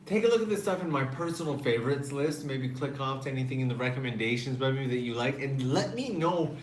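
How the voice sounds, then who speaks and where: A man's voice: medium pitch, animated, fast talker. An earnest, talkative man hosting a live stream from his phone at a restaurant table. He chats casually with viewers and often stumbles into restarts. The sound is roomy and echoey, with a faint hum of background noise. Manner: chatty, earnest, with frequent restarts. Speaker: channel host.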